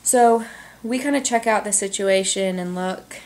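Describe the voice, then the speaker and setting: A young adult woman vlogger telling a story in a casual, animated way, full of "like"s, recorded at home on a camcorder. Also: mid-range voice, normal speed. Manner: animated, chatty, many "like"s. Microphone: camcorder on tripod.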